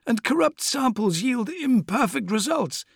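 A cold male apothecary explains things in a high, strained, clinical tone and slips into fawning excuses, as a male narrator puts him on. The voice sits far above the reader's own, with an odd edge to it. The sound is dry and close. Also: expressive, unhurried, creaky, husky, no echo, full character voice. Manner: clinical, obsequious.

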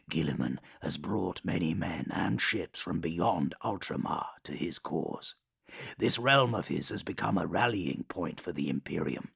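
A man voicing an ancient, menacing male demon lord who speaks in slow, low, measured threats. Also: vocal fry, breathy edge, no room sound, clean studio sound, full character voice.

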